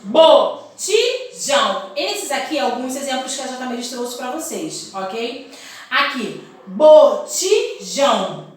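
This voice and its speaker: A woman's voice: sits high, unhurried, sharp tone, distant mic, slight background noise. A woman teaching young children in a recorded lesson, in a sing-song teacherly tone, stretching words out syllable by syllable. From Brazil. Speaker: primary school teacher. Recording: very echoey room, voice set back from the mic.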